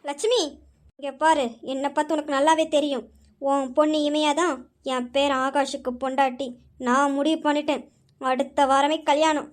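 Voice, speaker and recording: A woman's voice: high-pitched, level tone, moderate pace, lightly acted. Woman playing a bossy old grandmother. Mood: imperious. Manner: commanding, dismissive orders. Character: domineering old grandmother, wealthy matriarch. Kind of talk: Tamil audio drama.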